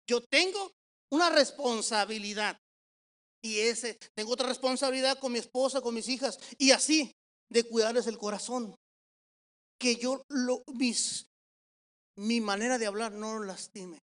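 A man preaching as a pastor, animated, asking the congregation questions and swinging from soft to loud. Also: extremely high pitch. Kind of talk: sermon with practical advice.

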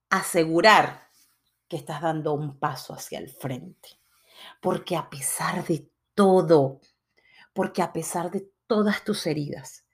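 A young Latin American woman with a Latin American accent, giving an earnest motivational talk with hesitant fillers and restarts. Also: deep voice. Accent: Latin American Spanish. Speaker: motivational speaker.

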